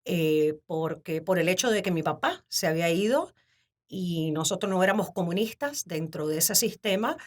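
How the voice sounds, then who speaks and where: A Cuban woman in her fifties, speaking in an animated, laughing way as a guest in a casual interview. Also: lowish voice, normal speed. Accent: Cuban Spanish. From Cuba. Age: 50s. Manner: warm, animated storytelling with frequent laughter. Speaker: podcast guest.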